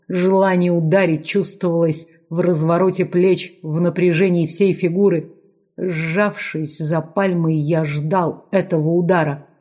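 A woman reading a dramatic audiobook narration in a measured, steady way. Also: on the low side. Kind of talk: scripted narration.

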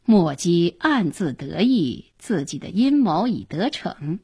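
A woman narrating a traditional Chinese story in an expressive, dramatic storytelling style. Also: fairly low pitch, slow, husky.

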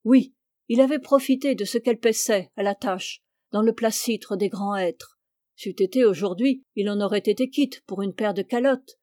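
A woman's voice: mid-range voice, moderate pace, warm tone, dry recording, lightly acted. Haunted old warden, stammering and pleading, read by a woman; dry close mic. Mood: confessing. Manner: stammering, pleading, then confessing. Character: guilt-ridden old male forest warden.

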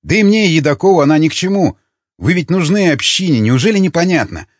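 A man voicing a defensive, argumentative community loyalist with a husky voice. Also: a little high, lively intonation, fast talker, dry recording, pitched above the performer's own voice. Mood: persuading. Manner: hectoring, argumentative. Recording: dull lo-fi recording.

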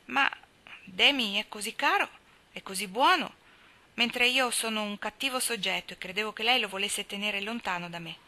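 A woman reading aloud, voicing a rough-mannered teenage boy who is earnest and unsure of himself. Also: mid-range voice, moderate pace, bright, forceful tone.

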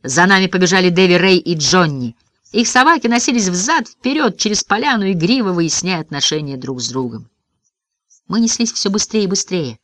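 Expressive man reading an audiobook. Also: sits high, normal speed, dry recording. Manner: expressive first-person reading. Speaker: audiobook narrator. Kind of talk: scripted storybook narration.

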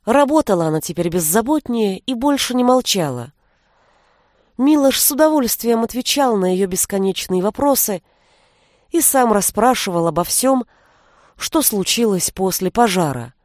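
A woman reading an audiobook aloud in an even, measured storytelling manner. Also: mid-range voice, no echo, clean studio sound. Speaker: narrator. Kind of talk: audiobook narration.

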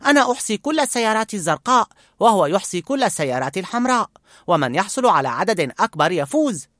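A man voicing an eager, chatty young boy scout in a storybook reading, speaking high, loud and earnest. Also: very animated, fast, no room sound, studio quality.

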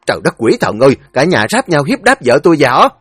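A man's voice: on the high side, big pitch swings, fast, a bit bright, slightly rough, no echo, soft background music, full character voice. A man voicing a stubborn young husband, defending himself insistently. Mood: defensive.

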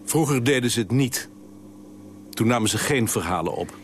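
An actor playing a weary, laconic husband who answers in short, dry replies in a radio drama. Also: male voice, mid-range voice, expressive, normal speed, slight background noise, close to an everyday voice. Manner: terse, dry, curt replies. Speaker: husband, office worker.

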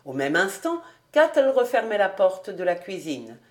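A woman reading a classic novel aloud as a volunteer audiobook narrator, in a calm, even storytelling manner. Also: mid-range voice, moderate pace. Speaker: audiobook reader.

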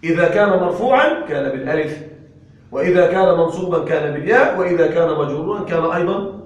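A man teaches a grammar class and keeps asking his students questions as he goes. His voice sits high. He is caught by a distant mic, and the room's echo is heavy. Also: animated, lo-fi sound. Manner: drills with questions to the students, slow on examples. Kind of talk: classroom lesson. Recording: echoey room from far off.

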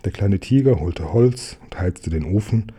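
A man calmly reading a children's story aloud. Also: lowish voice, unhurried, husky. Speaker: storybook reader.

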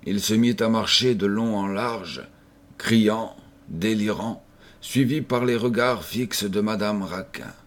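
Slow, low-voiced male audiobook narrator. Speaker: audiobook reader. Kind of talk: scripted narration of a novel.

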